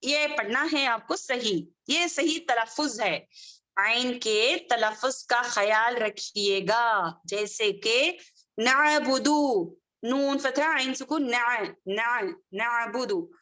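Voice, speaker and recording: Woman teaching recitation online, high voice, stretches every word out real slow, keeps asking if u got it. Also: sharp tone. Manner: slow, drawn-out demonstrations of Arabic words; patient, repeats and checks understanding. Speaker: Tajweed teacher. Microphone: video call.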